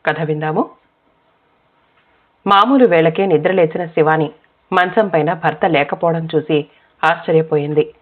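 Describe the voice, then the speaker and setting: Lady storyteller reading calmly, lowish voice, tinny phone-like sound. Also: unhurried, pauses often. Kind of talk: scripted story narration.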